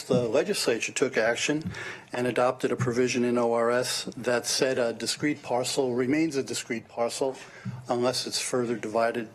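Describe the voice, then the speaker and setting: A man giving formal testimony at a county hearing, measured and hesitant with frequent fillers, heard through a hearing-room recording at the podium microphone. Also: mid-range voice, poor audio. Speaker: land use consultant testifying at hearing.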